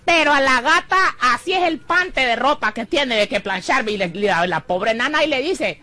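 A woman's voice: high voice, animated, moderate pace, sharp tone, faint music behind. A young Salvadoran woman hosting a comic radio monologue, teasing and sassy, calling the listener amor and bebé. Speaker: radio comedy host.

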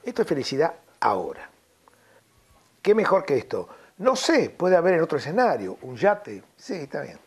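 Rioplatense guy, middle-aged, husky, chatting and telling radio stories. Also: on the high side, wildly swooping pitch, normal speed. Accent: Rioplatense Spanish. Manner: storytelling, reminiscing, slips into old-radio announcer voices. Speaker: radio host guest. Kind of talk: casual interview chat.

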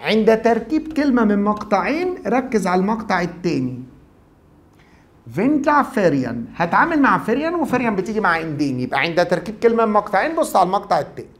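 A middle-aged man with an Egyptian Arabic accent, teaching German in a brisk, chatty classroom video lecture where he asks and answers his own questions. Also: high voice, sing-song, fairly bright tone.

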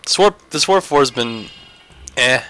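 A man's voice: medium pitch, animated, a little slow, sharp tone. A man giving live commentary on his own speedrun, swearing and muttering to himself as he plays. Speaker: speedrunner streaming a run.

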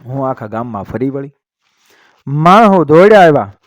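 A tired middle-aged village woman from a told story, speaking in plain rural talk that rises on urgent words. Her voice sits at an ordinary middle pitch, read by a man in his own voice. The sound is very dry and close. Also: very animated, normal speed, no room sound, lightly acted. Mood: urgent retelling.

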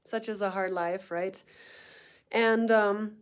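A woman in her thirties, a thru-hiking vlogger, talking casually to her phone camera in a small wood-paneled motel room, a bit complaining and quick to laugh. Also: mid-range voice, steady tone. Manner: chatty, mildly complaining, laughs often. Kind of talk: casual vlog talk to camera. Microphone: phone camera at arm's length.

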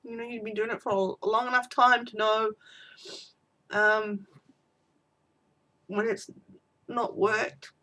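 A woman's voice: fairly high pitch, level tone, takes it slowly, pauses often, sharp tone. A woman vlogger talking in an unedited personal video diary, teary with her voice breaking, rambling and apologetic.

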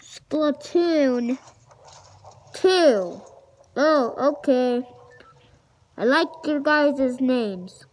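A young woman chatting casually while playing a video game, excitable and chatty, shouting at opponents now and then. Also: high voice, drawn-out words, long pauses. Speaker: gamer. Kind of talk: casual gameplay commentary.

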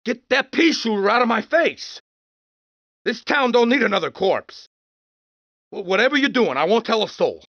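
An actor playing an angry, unhinged, burnt-out city taxi driver in a video game, cursing and exasperated. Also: male voice, high voice, pushed and bright, no room sound, exaggerated voice. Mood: nervous. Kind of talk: video game character barks. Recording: dull, lo-fi game audio.

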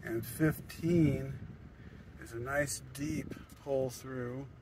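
Drawing out his words, a man in his fifties gives a plain, matter-of-fact narration of a campground tour, casual in style. He's a travel vlogger speaking with a medium pitch and fairly even intonation. He's riding in a moving vehicle, and faint car noise can be heard behind him.

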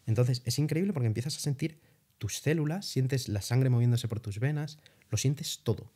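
This young man from Spain talks at a normal pace in a medium-pitched, slightly rough voice. Appearing as a guest in a casual interview, he tells animated travel stories, swearing lightly along the way.

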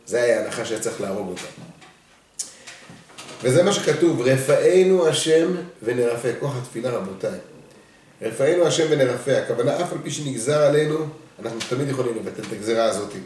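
A man's voice: medium pitch, a little hiss or hum. A male rabbi giving a sermon, telling stories with animation and acting out the voices. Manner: animated storyteller, acts out voices. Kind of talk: storytelling sermon. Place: synagogue study hall. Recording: echoey hall, far from mic.

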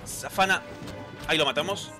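A man with a Rioplatense Spanish accent giving chatty, excitable gameplay commentary, reading game lines aloud and answering chat. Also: fairly high pitch, normal speed, music in the background. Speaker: gameplay streamer.

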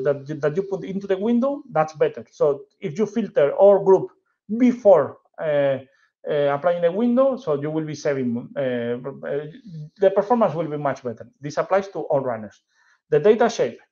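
A man in his forties from southern Spain, speaking with a Spanish accent, gives an informal technical presentation. He talks haltingly, frequently adding checking tags, in a somewhat high, slightly mellow voice, captured on dull, lo-fi webcam audio.

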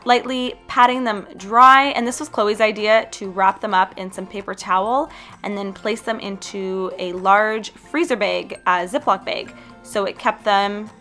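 With faint music playing underneath, a young woman from Canada voices over her healthy food vlog in a casual, upbeat way, recommending foods straight to viewers. Her voice is mid-range with a sharp tone.

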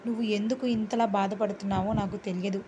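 A woman voicing a gentle young husband who talks in a soft, pleading way. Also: mid-range voice, steady tone, fast talker, noisy background, lightly acted. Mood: hurt.

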